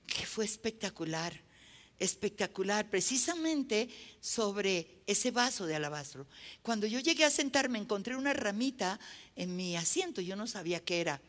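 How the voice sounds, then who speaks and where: A woman's voice: mid-range voice, a bit bright. A woman preaching a sermon, emphatic and repeating phrases for effect while telling anecdotes.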